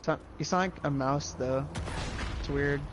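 A man playing a shooter game as a teammate, giving rapid callouts in casual chat. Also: a little high, noisy background. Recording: game gunfire behind. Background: gunfire and explosions.

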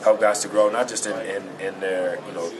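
A man in his twenties answering questions in a casual interview, informal and halting as he thinks aloud. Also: sits low, level tone. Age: 20s. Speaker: basketball player being interviewed. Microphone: handheld camera and recorders held near. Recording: loud crowd chatter behind the voice.

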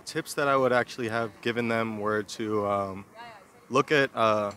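A young man giving a thoughtful, halting answer in a street interview outdoors, into a handheld mic. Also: fairly low pitch, bright, forceful tone. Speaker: passerby.

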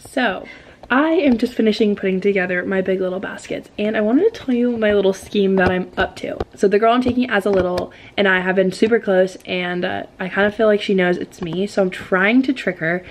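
A young American woman chatting casually to her vlog in a bubbly, sorority-girl manner, with a creaky edge to her voice. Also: mid-range voice, fairly quick. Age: young adult. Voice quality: creaky vocal fry. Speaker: student vlogger, sorority member. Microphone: handheld camera at arm's length. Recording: faint to clear background noise, handheld camera.

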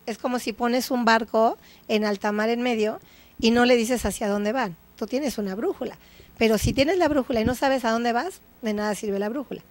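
A woman's voice: fairly high pitch, moderate pace. A woman with a Mexican accent, a guest psychologist on an educational TV show, talking in a teaching way and often checking in with her listeners. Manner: didactic, checks in with tag questions. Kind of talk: educational TV talk.

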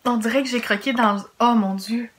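A woman in her thirties with a Québécois accent, chatting quietly and reacting aloud as she tastes snacks at home. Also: on the high side, fairly even intonation, brisk. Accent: Québécois French. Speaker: vlogger. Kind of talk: casual snack tasting vlog. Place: home, indoors. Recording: noisy home video with wrapper crinkling.

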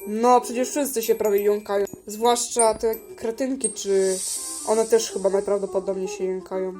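A woman's voice: medium pitch, little pitch movement, normal speed, dark tone, soft background music, natural voice. A woman voicing a bossy, crude adult female teacher in a toy-pet video drama, talking bluntly, swearing and stumbling over her words. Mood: scolding.

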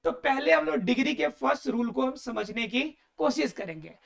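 A woman's voice: high voice, lively intonation, normal speed, creaky. A woman teaching a grammar lesson, explaining step by step, asking her students rhetorical questions and checking in often. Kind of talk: classroom-style recorded lesson.

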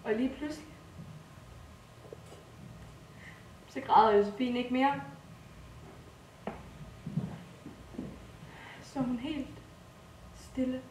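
Brief: a woman as a frayed young mother, cooing then shrill, bright high voice from an echoing stage. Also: animated, slight background noise. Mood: hushed. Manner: swings between hushed cooing and shrill outbursts. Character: unhinged exhausted young mother with a crying baby. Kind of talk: stage drama monologue. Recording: echoey stage from far off.

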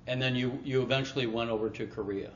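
A man hosting a TV interview, asking measured, leading questions. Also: mid-range voice, steady tone, highs cut off. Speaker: interviewer, TV host.

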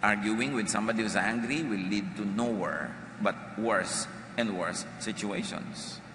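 A man's voice: lowish voice, unhurried. A man from the Philippines, preaching a sermon emphatically and dropping humorous asides to the congregation. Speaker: pastor. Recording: echoey hall with faint background noise.

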